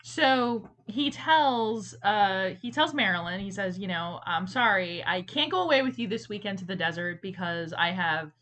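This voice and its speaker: Bright woman host chatting about a movie, voice jumps all over, jokey. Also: mid-range voice, normal speed, hardly any pauses. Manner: animated, jokey, acts out characters in quoted voices. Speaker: podcast co-host. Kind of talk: casual movie review chat.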